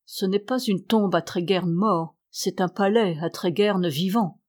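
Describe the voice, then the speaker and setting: Woman reading a ghost of a young nobleman, grave, imperious, brief, calm, audiobook, mid-pitched. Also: measured pace, close to an everyday voice. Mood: commanding.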